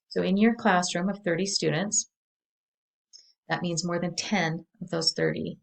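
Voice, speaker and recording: This woman runs a training session in a voice that sits low and carries some gravel. She delivers prepared material in a steady, earnest, measured way. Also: poor audio. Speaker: workshop presenter.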